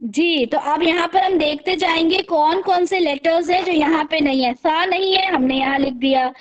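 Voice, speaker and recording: A woman teaching an Arabic grammar class over a video call, patiently quizzing her students and slowly repeating terms. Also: extremely high pitch, lo-fi sound. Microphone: video call microphone.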